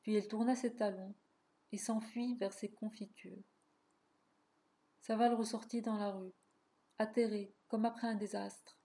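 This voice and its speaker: Warm-toned woman reading a classic story. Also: mid-range voice. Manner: measured, expressive storytelling. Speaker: narrator.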